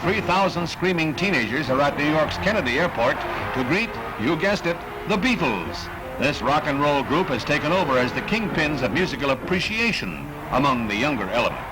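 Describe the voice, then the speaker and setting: A man's voice: fairly high pitch, sing-song, normal speed, low-quality recording. Wisecracking man narrating an old newsreel. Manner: punchy announcer delivery full of wisecracks. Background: loud music bed.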